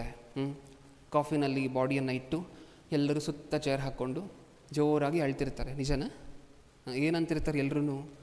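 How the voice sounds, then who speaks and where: A man's voice: on the high side, a little mellow. Man preaching in a reverberant hall. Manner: asks constant rhetorical questions of the audience. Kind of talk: sermon. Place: large hall before a congregation.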